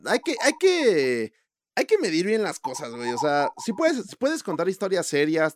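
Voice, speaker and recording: Animated Mexican guy, lively pitch. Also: no echo, studio quality. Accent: Mexican Spanish. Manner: slangy, animated, acts out quoted reactions. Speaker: podcast co-host. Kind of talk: casual chat about movies.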